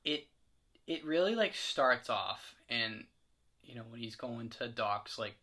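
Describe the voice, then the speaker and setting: A man's voice: medium pitch, expressive, slow pace, bright, forceful tone. A young man co-hosting a podcast, chatting casually in a rambling, hesitant way with lots of fillers. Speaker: podcast co-host. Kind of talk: casual chat.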